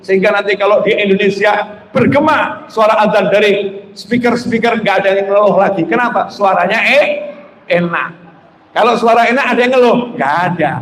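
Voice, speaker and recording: High voice guy preaching, lively, long echo, faint hiss behind. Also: moderate pace. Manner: lively, rises loud when mimicking shouting, chants zikir. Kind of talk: Islamic sermon, live-streamed. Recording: echoey hall with faint noise.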